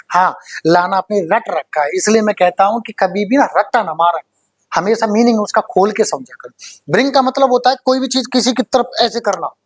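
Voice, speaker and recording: A young male teacher gives a spoken vocabulary lesson, coaxing students and quizzing them over and over. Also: high voice. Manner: coaxing, repeats "theek hai bhai" and quizzes students.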